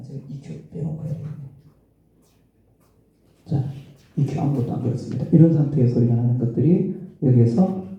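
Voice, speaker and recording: A man's voice: mid-range voice, warm tone, muffled recording. A man teaching church sound, explaining mixer settings step by step and counting into a handheld mic in a large hall. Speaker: audio lecturer. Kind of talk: live hands-on sound workshop. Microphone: handheld microphone through a PA. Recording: roomy distant hall recording.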